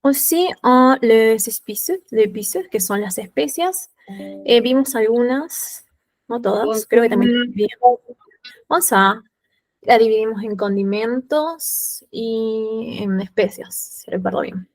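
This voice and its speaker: A woman teacher with a slightly high voice gives a patient French lesson online, soft music playing behind her. Going slowly through the vocabulary, she repeats every French word before giving its meaning in Spanish.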